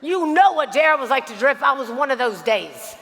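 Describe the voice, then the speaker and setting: A woman giving a motivational speech on stage, telling a story with animated delivery and talking straight to the audience. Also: sits high, normal speed, in a large hall. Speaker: motivational speaker.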